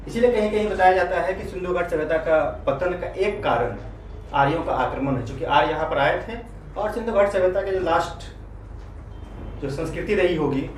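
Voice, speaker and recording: A man teaching a history class, repeating key terms and often checking whether his students follow. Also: high-pitched. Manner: keeps checking understanding with quick questions. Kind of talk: classroom lecture. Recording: echoey room, mic at a distance, faint noise.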